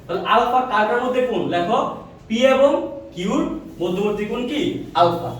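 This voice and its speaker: A male physics teacher lecturing a class, firing quick questions and repeating answers in a call-and-response drill. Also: sits high. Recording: echoey room, mic far off.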